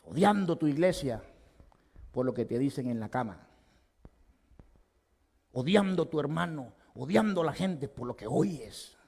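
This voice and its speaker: A male pastor preaching a sermon with passion, swinging from loud emphasis to hushed tones. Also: a little high, animated, measured pace, gravelly, long pauses. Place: church sanctuary. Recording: long hall reverb.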